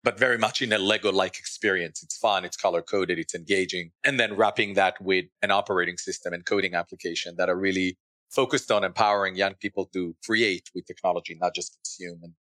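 Low-voiced man from Israel, thoughtful founder guest, dry sound. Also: fairly even intonation, fairly quick, pushed and bright, dry recording. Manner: thoughtful, with frequent restarts. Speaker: podcast guest, startup founder. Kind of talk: interview conversation.

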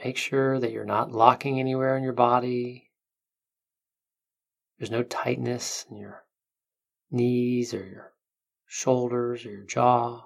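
Guided meditation, soothing, unhurried, gentle instructions, long pauses, creaky voice, mid pitch. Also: level tone. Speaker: meditation guide, podcast host.

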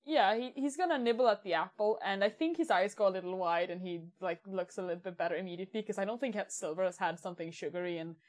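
A woman's voice: medium pitch, quick pace, few pauses, darkish tone. A woman taking part in a tabletop game, describing her character in a rambling, filler-heavy way. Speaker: player. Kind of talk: casual tabletop play.

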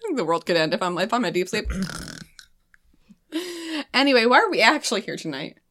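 A woman's voice: medium pitch, big pitch swings, a little fast, fairly bright tone. A woman in her thirties with an American accent, hosting a casual chat with playful, teasing banter. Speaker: podcast host.

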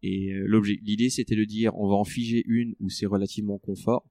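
A man in a relaxed interview, talking through his running training with many fillers and restarts. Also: on the low side, brisk, no room sound, studio quality. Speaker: ultra-trail runner guest. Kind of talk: conversational interview.

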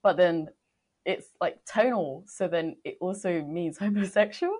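A young woman in her twenties in casual chat, chatty and quick to laugh. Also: on the low side, expressive, a little mellow. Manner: chatty, laughs often, fillers like "like".

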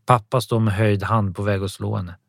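Low-voiced man reading an audiobook. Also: gravelly, no echo, clean studio sound. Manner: calm, even storytelling. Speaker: audiobook narrator. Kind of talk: scripted audiobook narration.

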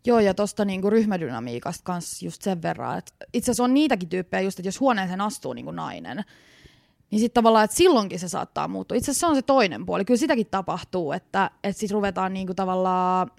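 A young woman co-hosting a podcast in casual conversation, her voice full of gravelly fry. She speaks bluntly and swears freely. The recording is dry, with no room sound. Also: mid-range voice, dry recording. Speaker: podcast co-host. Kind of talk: casual chat.

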